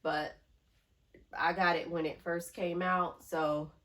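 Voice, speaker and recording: A woman's voice: fairly low pitch, little pitch movement, fairly bright tone. A woman vlogger with a nasal voice chatting casually to camera, drawing out words for emphasis. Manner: chatty, drawn-out emphasis, affectionate. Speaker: handbag collection vlogger.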